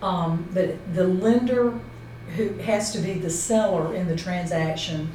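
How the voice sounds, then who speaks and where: Her voice sits low and sounds dark, and she keeps a measured pace. In this informal instructional talk, the female seminar presenter works through things step by step while checking points with a colleague. There's roomy echo, faint noise, and the mic is placed far from her.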